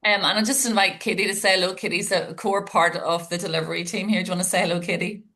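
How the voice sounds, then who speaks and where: A woman's voice: on the low side, fairly even intonation, quick pace, sharp tone. A middle-aged woman hosting an online webinar, talking with enthusiasm and some fillers. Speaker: webinar host from a women's business network.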